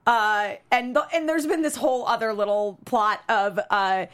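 Woman podcast host rambling thru a recap, high voice, lots of ums. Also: moderate pace, fairly bright tone, clean tone. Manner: rambling, full of fillers and restarts. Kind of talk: casual episode recap chat.

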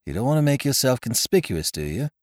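A man's voice: mid-range voice, very animated, fast, darkish tone, no echo, studio quality, pitched above the performer's own voice, lightly acted. A man doing a soothing young peacemaker. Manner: soothing, coaxing.

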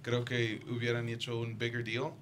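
A man in a casual panel chat, speaking haltingly and mixing English into Spanish. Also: mid-range voice, completely flat delivery. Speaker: wrestling panelist. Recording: clearly noisy background.

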